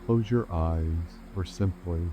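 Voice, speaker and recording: Deep, slow man guiding a calm grounding meditation. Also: muffled recording, background noise. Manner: calm, gentle, unhurried with measured pauses. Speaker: meditation guide. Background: rainforest sounds with insects, soft music.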